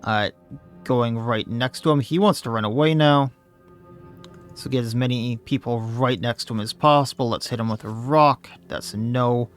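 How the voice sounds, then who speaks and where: A man's voice: mid-range voice, moderate pace, soft background music. A man, slightly losing his voice, commenting casually on his own gameplay and thinking aloud as he plays. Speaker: let's play host.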